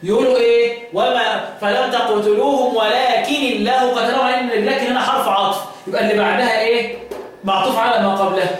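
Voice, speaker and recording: A man with an Egyptian Arabic accent teaching the Quranic readings, quizzing his students and chanting verses slowly. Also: extremely high pitch, steady tone. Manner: quizzing students with repeated questions. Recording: echoey room, distant mic, faint noise.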